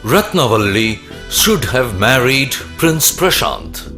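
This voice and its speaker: King Vikram, slow and deliberate played by a man. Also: medium pitch, sing-song, sharp tone, faint music behind, exaggerated voice. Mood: measured, reasoning. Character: wise, measured King Vikram. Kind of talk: children's animated story dialogue.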